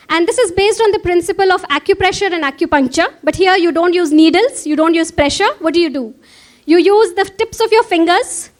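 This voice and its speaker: A woman with an Indian English accent giving a conference lecture, engaging the audience with frequent questions. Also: very high-pitched.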